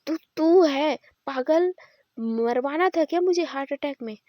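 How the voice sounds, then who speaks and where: A woman voicing a carefree, messy young woman who teases her friend loudly and dramatically. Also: high-pitched, a little slow, no room sound, lo-fi sound. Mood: teasing. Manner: teasing, loud and dramatic.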